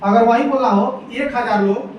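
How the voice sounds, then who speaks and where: High-voiced male teacher in echoey room. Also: moderate pace. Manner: repeats key points with frequent check-ins. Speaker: English grammar teacher. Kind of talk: exam-prep lesson. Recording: echoey room, distant mic, faint noise.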